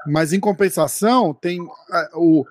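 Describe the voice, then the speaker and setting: A woman hosting a casual chat, quick to agree and full of fillers. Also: lowish voice, darkish tone, dry recording.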